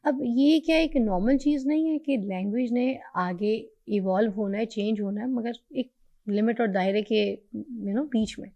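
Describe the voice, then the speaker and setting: A woman's voice: a little high, warm tone. A young adult woman hosting a morning talk show, who listens attentively and murmurs agreement often.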